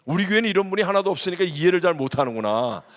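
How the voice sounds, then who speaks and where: Animated preaching pastor, man, hall reverb. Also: high-pitched, rapid-fire. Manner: animated preaching, mimics prayers, swings from loud to hushed. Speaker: senior pastor. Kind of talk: sermon. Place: large church sanctuary.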